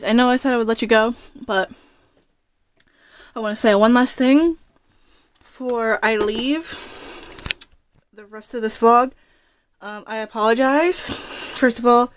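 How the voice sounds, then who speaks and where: A woman's voice: fairly high pitch, no room sound. A young woman vlogging in a casual, rambling and apologetic way. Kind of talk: casual vlog chat.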